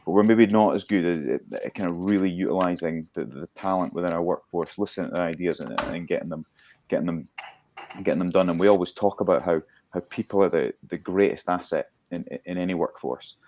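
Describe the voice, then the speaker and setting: A man with a very deep voice speaking as a guest performance coach. He answers eagerly, often repeating a word or two as he builds his point. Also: fairly quick, a little mellow, a little hiss or hum. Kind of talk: interview answers.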